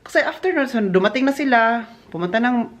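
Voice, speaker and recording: A man's voice: extremely high pitch, lively intonation, brisk, a bit bright. Giggly chatty man in echoey rooms. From Philippines. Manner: gossipy and giggly, laughing often. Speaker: vlogger working at a hotel. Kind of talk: casual chatty vlog. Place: indoors in a hotel. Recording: roomy echo.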